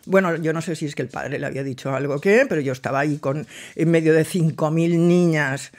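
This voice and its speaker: A woman's voice: sits low, fairly quick, a little mellow. An older woman, telling a personal memory to camera in a chatty, digressive way and acting out the dialogue. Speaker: host recounting a memory.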